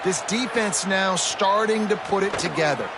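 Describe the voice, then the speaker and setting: A man's voice: sits high, moderate pace, a loud crowd. An American man analyzing a football game as a commentator. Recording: very noisy stadium background.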